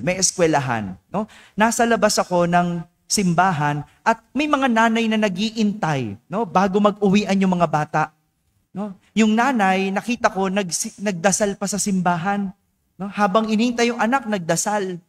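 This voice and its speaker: A man preaching a homily as parish priest, asking his congregation rhetorical questions and tagging his sentences with a questioning "no?". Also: high voice. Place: church. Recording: long church reverb.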